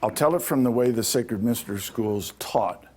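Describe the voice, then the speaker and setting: Mid-range and slightly mellow with a breathy edge, moving at a moderate pace, a lecturer on ancient Egyptian spirituality talks casually to an audience in a hall, regularly checking with "okay?".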